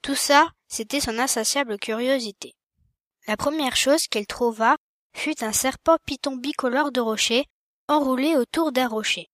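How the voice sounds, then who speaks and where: A woman storyteller reading a children's tale aloud, measured and expressive, with a fairly high voice. The recording is close and dry. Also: no room sound.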